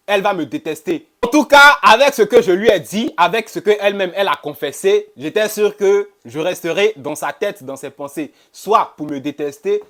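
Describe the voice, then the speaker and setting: A man tells a personal story in a lively, conversational way. He repeats phrases, acts out what others said, and speaks in a fairly high voice. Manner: animated, repeats phrases, quotes others in dialogue. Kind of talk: casual first-person storytelling.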